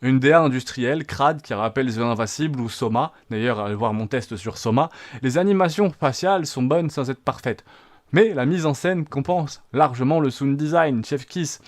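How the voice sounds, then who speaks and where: A man's voice: medium pitch, moderate pace. A man narrating a scripted video game review with dramatic, punchy phrasing and rhetorical questions.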